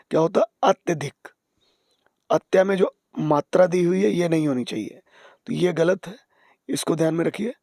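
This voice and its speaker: A man teaching exam spelling, patient, repeating key words and dropping to soft asides. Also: sits high, husky, no echo, clean studio sound. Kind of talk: explaining spelling on screen.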